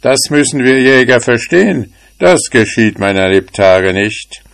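A man's voice: medium pitch, expressive, measured pace, gravelly, voice pushed up. A man voicing a sly, scheming hunting dog in a storybook tale, speaking in a raised, boastful way.

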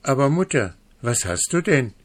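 A man's voice: mid-range voice, lively intonation, measured pace, pitched above the performer's own voice, natural voice. A man reading a fairy tale aloud, voicing a frightened young dwarf who pleads anxiously with his mother. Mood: pleading.

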